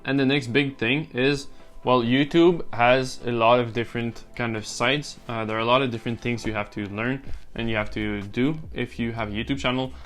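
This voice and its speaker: A young French-Canadian man, French being his first language, vlogs casually to camera as a relaxed YouTuber. His mid-range voice moves at normal speed, rambling with lots of uh and um fillers over faint music.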